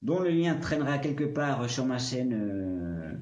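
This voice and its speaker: A man's voice: medium pitch, sing-song, a little slow, a little mellow, reverberant. A man casually reviewing a small speaker on a livestream, chatty and playful, talking straight to the viewer. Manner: chatty and playful, addresses viewer with tu, occasional swearing. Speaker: tech reviewer.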